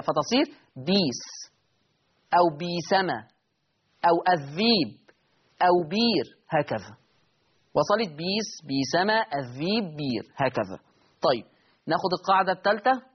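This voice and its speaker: A man's voice: high-pitched, breathy edge, highs cut off. A man with an Egyptian accent teaching Quran recitation rules, asking and answering his own questions and stretching out the example words. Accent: Egyptian Arabic. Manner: drawn-out demonstrations of recited words. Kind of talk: Quran tajweed lesson.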